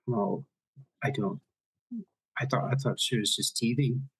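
A nervous, hesitant nanny with an Irish lilt, as a man puts her on in a tabletop horror game. Her voice is husky and sits at an ordinary pitch. It sounds dry and close to the mic. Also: no room sound, poor audio. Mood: worried. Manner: hesitant, halting replies.

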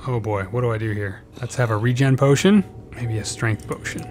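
A man commentating his own video game play, talking to himself nervously and breaking into excited yelps when danger appears. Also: mid-range voice, fairly quick, background noise. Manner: nervous, self-talking, frequent "oh boy", jumps to excited yelps. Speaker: let's play gamer. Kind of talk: gameplay commentary. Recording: game music behind the voice. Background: game music.

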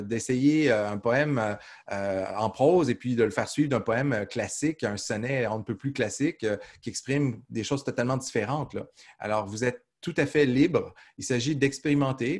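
A man teaching a literature class, answering students' questions with frequent hesitations and restarts. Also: mid-range voice. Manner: hesitant, many "euh" fillers and restarts. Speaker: literature professor.

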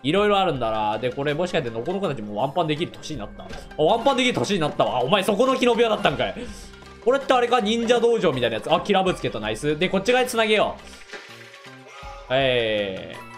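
A hoarse young man hosting a let's play, joking and talking back to the characters in casual commentary. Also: high voice, sing-song, rapid-fire, soft background music.

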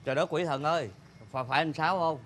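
An actor playing a chatty middle-aged eatery owner with animated exclamations. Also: male voice, fairly high pitch, rapid-fire, a little hiss or hum. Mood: surprised. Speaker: comedy sketch actor.

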